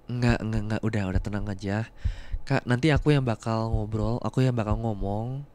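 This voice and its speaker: A young man voicing a younger male student, a rough former bully who has become a protective boyfriend, in an ASMR role-play. He repeats short words again and again to coax and calm. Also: lowish voice, a little fast, natural voice. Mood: soothing. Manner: repeats words to soothe, coaxing and reassuring. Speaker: voice actor.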